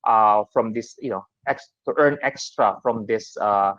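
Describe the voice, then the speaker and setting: Presenting a super app in a business webinar, a Filipino man with a Filipino accent speaks unhurriedly in a fairly low, fairly bright voice. He uses plenty of fillers and restarts, and the recording is dry and slightly dull.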